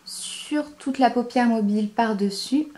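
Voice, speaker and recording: A young woman with a slightly high voice walks viewers through her eye makeup step by step. She gets enthusiastic, repeats words for emphasis, and fills pauses with hesitations as she works. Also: mellow. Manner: frequent hesitations with "euh". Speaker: beauty vlogger. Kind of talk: makeup tutorial.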